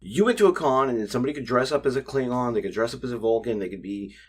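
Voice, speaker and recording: A husky-voiced man in his forties, co-hosting a loose, unscripted chat. His voice sits at an ordinary middle pitch, and he rambles through jokey stories full of asides. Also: fast. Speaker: podcast co-host.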